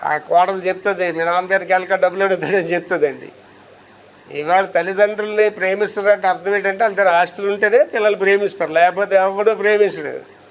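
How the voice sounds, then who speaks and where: High-voiced man preaching emphatically. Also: steady tone, quick pace. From India. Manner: emphatic, fires rhetorical questions at listeners. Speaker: pastor. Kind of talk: sermon.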